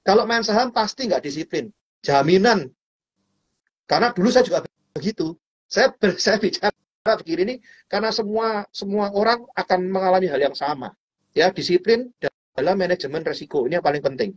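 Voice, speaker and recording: Husky-voiced man, animated and playful. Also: high voice, a little fast, lo-fi sound. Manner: animated, playful storytelling with sound effects. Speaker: stock trading guest speaker. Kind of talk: casual explanatory chat.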